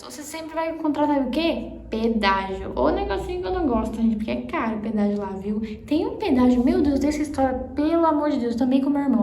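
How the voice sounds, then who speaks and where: A woman's voice: high-pitched, warm tone, slight background noise. Chatty woman teaching in a roomy space. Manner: chatty, laughing, playfully exaggerated pronunciation drills. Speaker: Spanish teacher. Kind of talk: casual video lesson. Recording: roomy echo, faint ambience.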